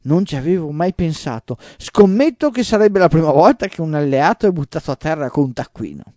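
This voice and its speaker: A man voicing an old male sorcerer teacher who speaks calmly with light teasing. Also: medium pitch, moderate pace, no echo, studio quality, close to an everyday voice. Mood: dry, instructive.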